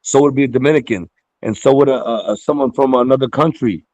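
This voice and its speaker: A man from Puerto Rico argues on a call-in stream, tripping over his first words and cursing as he goes. His voice sits at a middle pitch and sounds dry and close, with no room around it. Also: fast, darkish tone, no room sound, low-quality recording. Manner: repeats words when starting, swears, apologetic asides. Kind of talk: heated casual debate.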